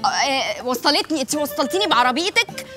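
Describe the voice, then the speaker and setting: An actress playing a flustered coworker who fibs to cover for a friend, speaking with an Egyptian accent. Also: female voice, sits high, very animated, fast, over music. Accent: Egyptian Arabic. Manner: flustered, fibbing.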